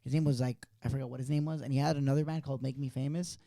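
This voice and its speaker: Fast-talking gravelly man, casual chat. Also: medium pitch, fairly even intonation, warm tone, no echo. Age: late 20s. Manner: rambling, profane, slangy storytelling. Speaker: podcast co-host.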